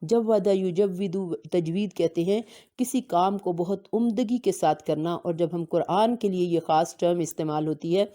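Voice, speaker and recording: A woman teaching Quran recitation in a lowish, mellow voice. She explains at a steady pace and slows down to recite the Arabic verses with care. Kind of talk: religious lesson.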